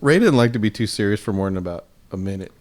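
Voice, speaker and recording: A man's voice: lowish voice, expressive, fast talker. A man co-hosting a comedy podcast, teasing and chuckling and giving short agreeing replies. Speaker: podcast co-host. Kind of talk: casual comedy podcast banter. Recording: loud background noise on the mic.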